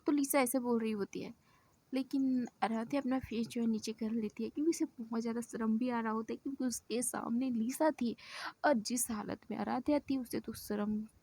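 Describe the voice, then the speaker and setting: A woman's voice: a little high, steady tone, normal speed, warm tone. A woman telling a romance story in a chatty, casual way, repeating phrases and correcting herself.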